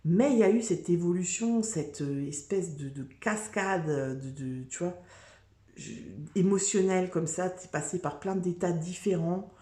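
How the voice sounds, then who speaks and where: A woman's voice: fairly low pitch, measured pace, dark tone, roomy sound. A woman giving a casual, chatty tarot reading, full of fillers, restarts and "tu vois". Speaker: tarot reader.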